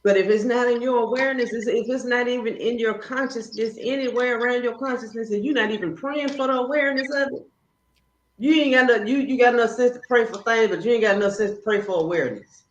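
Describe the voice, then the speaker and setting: A woman guest in casual spiritual conversation, telling stories in an animated, preachy way. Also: a little high, fast talker. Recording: roomy, dull, faint noise.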